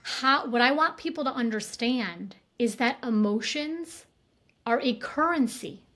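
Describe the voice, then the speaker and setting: Emphatic woman guest, higher voice. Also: animated, a little slow, a bit bright. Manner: emphatic, earnest, speeds up in bursts. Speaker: guest consultant on workplace neuroscience. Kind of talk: casual interview conversation.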